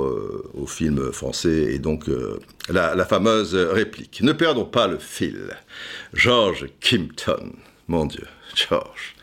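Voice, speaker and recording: A man's voice: fairly low pitch, fairly bright tone. A man hosting a playful football history podcast, joking and theatrical, often stammering repeats. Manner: jokey, theatrical, stammering repeats, sings and hums asides. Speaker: podcast host.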